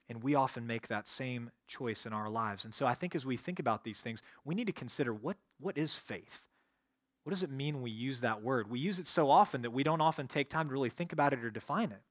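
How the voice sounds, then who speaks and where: A man's voice: medium pitch, a bit bright, no echo, studio quality. A man preaching a sermon as a pastor, reading scripture aloud and explaining it verse by verse.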